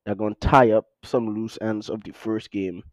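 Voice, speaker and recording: A man's voice: lowish voice, fairly even intonation, moderate pace, no echo. A man in a casual chat about games, his voice coming through slightly robotic and glitchy from online lag. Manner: laid-back, loose, with repeated words.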